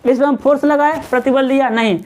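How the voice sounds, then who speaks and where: A man's voice: very high voice, steady tone, fairly quick, a little mellow. A male teacher giving a classroom lecture, firing questions at his students and answering them himself, and tagging on short check-in questions. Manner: keeps adding a tag question.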